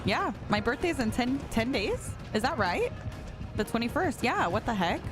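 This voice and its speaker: A woman in her late 20s chats and laughs with viewers while live-streaming a game, answering their messages as she goes. Her fairly high voice has a sing-song lilt at a moderate pace, with music running underneath.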